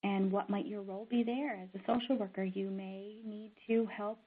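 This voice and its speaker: A middle-aged woman from Newfoundland and Labrador, a social worker giving an instructional talk in an earnest, conversational way, often pausing on "um". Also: medium pitch, fairly even intonation, breathy edge. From Newfoundland and Labrador, Canada. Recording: narrow, tinny phone-like sound.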